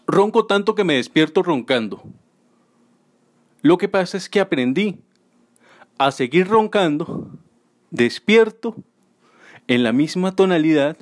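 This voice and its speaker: A man tells crude, self-mocking stand-up stories. His voice sits slightly higher than most men's. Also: big pitch swings, a little slow, long pauses. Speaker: stand-up comedian. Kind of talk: stand-up comedy monologue.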